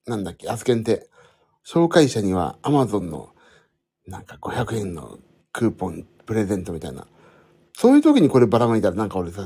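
Husky man rambling casually into his phone. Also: lowish voice, warm tone. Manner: rambling, self-correcting, thinks aloud while using his phone. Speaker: podcast host. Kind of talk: casual solo chat to listeners.

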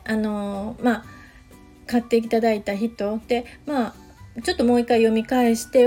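A middle-aged counselor rambles through a casual podcast monologue, full of fillers and chatty asides. Her voice is a little high and mellow.

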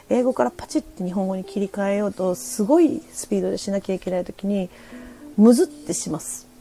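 Middle-aged woman from Japan, casual solo radio host, chatty and hesitant, low gravelly voice. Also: mellow. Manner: chatty, laughing, hesitant, switching between Japanese and halting English. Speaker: podcast host. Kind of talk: casual solo radio chat reading listener comments. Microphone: phone or desk mic on a streaming app.

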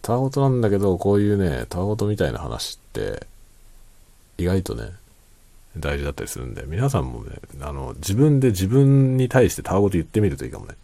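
A man chatting casually in a quiet late-night monologue, musing and circling back over his own phrases. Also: big pitch swings, fairly quick, gravelly, no echo. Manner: quiet, low-voiced night-time talking. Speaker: host of a solo talk show.

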